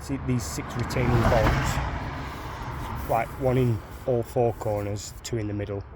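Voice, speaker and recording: Filmed outdoors on a handheld phone with heavy noise, this Sheffield man gives a casual how-to on fixing his van. He speaks in a mid-range voice, unhurried and fairly even, wandering and repeating words.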